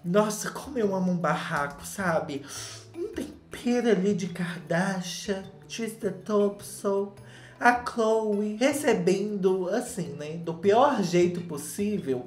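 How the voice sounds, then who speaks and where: A young man with a Brazilian Portuguese accent recapping a reality show in a campy, dramatic gossip style. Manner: campy, dramatic, acts out quotes in shrill voices. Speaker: reality TV commentator. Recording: roomy echo, faint background music.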